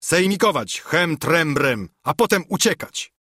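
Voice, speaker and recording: A man voicing a loud, boisterous nobleman who shouts that he only wants to fight. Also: on the high side, animated, unhurried, no room sound, clean studio sound, voice pushed up, exaggerated voice. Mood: rowdy shouting.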